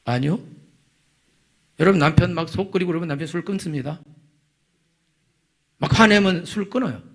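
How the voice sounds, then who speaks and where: A middle-aged male pastor preaching a sermon, telling stories with lively, acted-out outbursts. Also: a little high, normal speed, gravelly. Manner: animated storytelling, acting out angry prayers. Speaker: senior pastor.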